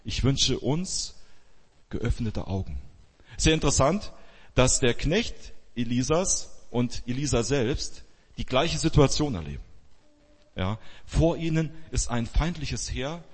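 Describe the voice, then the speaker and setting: Male pastor, husky mid-pitched voice, lively storyteller who plays out the quotes, long church-hall echo. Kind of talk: sermon retelling a Bible story.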